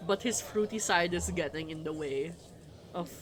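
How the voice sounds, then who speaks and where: With music behind her, a woman streamer reads a visual novel aloud at a normal speed, her voice on the low side. Between lines she chats casually, offering informal, wry commentary.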